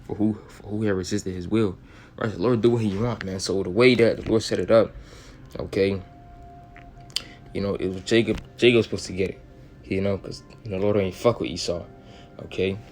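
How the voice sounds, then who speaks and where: Low-voiced man teaching scripture casually. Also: fairly even intonation, fairly quick, pauses often, a little mellow, slight background noise. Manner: reads scripture aloud then explains in loose street slang with swearing. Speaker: Bible teacher. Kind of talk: casual Bible study reading.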